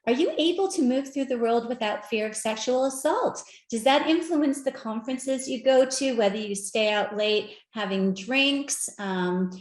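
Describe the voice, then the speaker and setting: A woman giving a conference talk with slides, animated and conversational, often asking the audience direct questions. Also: on the high side, roomy sound. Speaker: speaker at an equity research event. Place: virtual event.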